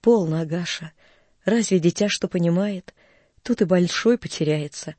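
A man reading the lines of a tearful, pious old peasant grandmother, soft and soothing. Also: high-pitched, normal speed, no echo.

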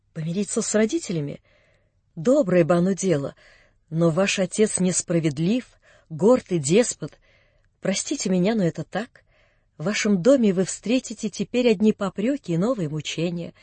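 Oily, scheming nobleman in a storybook, smooth and flattering, read by a man with a high voice. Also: moderate pace, dry recording. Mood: ingratiating. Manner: smooth, ingratiating, then sneering. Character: scheming middle-aged nobleman, oily and mocking.

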